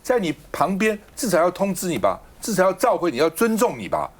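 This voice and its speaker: Talk show guy, super animated pitch, keeps throwing rhetorical questions. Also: fairly quick, a little hiss or hum. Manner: argumentative, fires off rhetorical questions. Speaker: political talk show host. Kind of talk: political talk show commentary.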